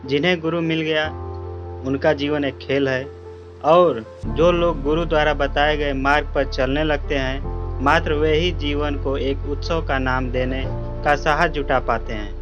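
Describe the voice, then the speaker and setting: A man acts out a wise old sage, a patient and affectionate guru from a moral tale. The voice sits a little high and counsels gently in formal, measured phrases. The recording is slightly dull, with clear music behind it. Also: fairly even intonation, close to an everyday voice. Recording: dull lo-fi audio under prominent music.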